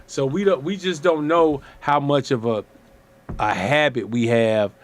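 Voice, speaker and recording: A man in a casual conversation, easygoing and a little halting. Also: mid-range voice, a little hiss or hum. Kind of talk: casual chat.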